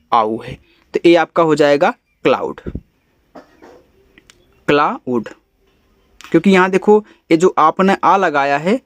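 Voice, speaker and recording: A man with a high, bright voice gives a step-by-step phonics lesson. He spells out each word letter by letter, slowly and a little louder, then sinks low and quiet to say the word. The sound is dry and close to the mic. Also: no room sound. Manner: coaxing, checks in with "ठीक है?". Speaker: English teacher.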